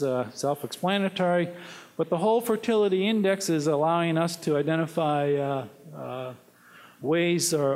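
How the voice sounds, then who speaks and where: A man giving a technical conference presentation, halting often with filler words. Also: a little high. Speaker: conference speaker on dairy genetics. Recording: long hall reverb.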